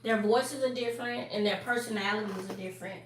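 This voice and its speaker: A woman in her forties chats casually with her live stream viewers, talking straight to them and laughing often. Her voice is fairly high and brisk, picked up in an echoey room by a distant mic with faint noise.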